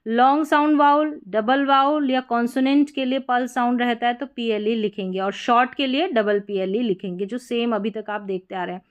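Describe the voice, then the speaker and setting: Clear-voiced woman teaching spelling. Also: fairly high pitch, normal speed, few pauses. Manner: patient, explains step by step with many examples. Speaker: English teacher. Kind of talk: spoken spelling lesson.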